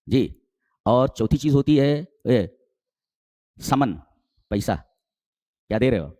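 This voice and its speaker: A man preaching a sermon in with Quranic exegesis, asking rhetorical questions and climbing to emphatic high peaks before dropping low. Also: expressive, warm tone, dry recording, studio quality. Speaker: Islamic preacher.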